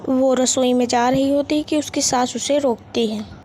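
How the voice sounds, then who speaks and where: A woman narrates a cartoon family story in a high voice. She tells it plainly and steadily, with faint noise behind her. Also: fairly even intonation, normal speed, dark tone.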